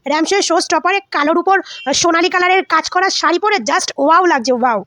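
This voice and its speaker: A woman's voice: extremely high pitch, fast talker, sharp tone, no room sound, studio quality. A woman vlogger giving heated celebrity gossip commentary, scolding and insulting with lots of repetition.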